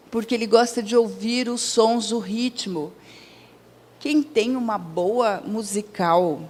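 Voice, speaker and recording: A woman with a Brazilian Portuguese accent giving a public lecture, chatty and conversational, asking the audience questions and acting out quoted dialogue in her own voice. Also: mid-range voice. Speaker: lecturer at a spiritist center. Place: lecture hall. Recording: long hall reverb.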